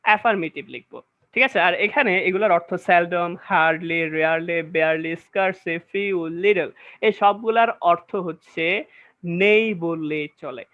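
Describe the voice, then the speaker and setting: A man's voice: sits high, a little slow. A man teaching English grammar in a classroom-style lecture, explaining step by step and checking that listeners follow. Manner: explains step by step, often checks understanding with questions. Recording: dull lo-fi recording.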